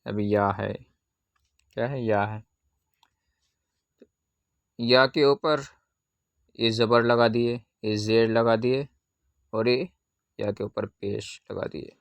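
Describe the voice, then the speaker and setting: A man teaching a Qaida reading lesson, patiently asking questions and answering them himself, with drawn-out syllable recitation. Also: fairly low pitch, steady tone, creaky, clear, resonant tone, no echo.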